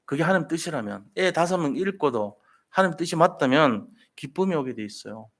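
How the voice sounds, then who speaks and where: A man's voice: a little high, lively intonation, fairly quick, a bit bright. A man preaching a sermon as a pastor, telling a story and putting rhetorical questions to the congregation.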